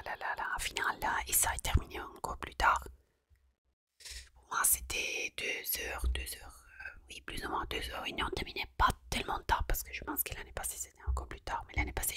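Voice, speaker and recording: A woman's voice: pushed and bright, dry recording. Whispering woman with an Italian accent. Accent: Italian accent in French. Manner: hesitant, searching for words in French. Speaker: ASMR creator. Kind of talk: whispered ASMR chat. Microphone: close microphone. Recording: close, dry whisper recording.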